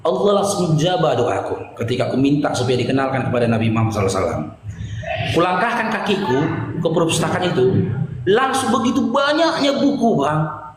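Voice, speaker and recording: A man telling his own life story to friends in conversation, animated and emotional, swinging from loud bursts to hushed asides. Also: medium pitch, fast talker. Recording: echoey hall with long reverb.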